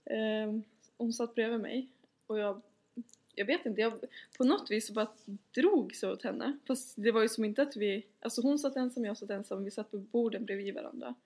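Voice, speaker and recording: A woman's voice: a little high, darkish tone. Giggly, teasing young woman. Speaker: podcast co-host. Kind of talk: casual chat.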